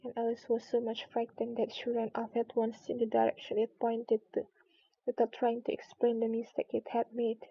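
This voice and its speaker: A woman reads a storybook aloud in a high voice with a touch of creak. The recording is dry and slightly muffled. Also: monotone, normal speed, dry recording. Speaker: storybook narrator. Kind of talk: read-aloud storybook narration.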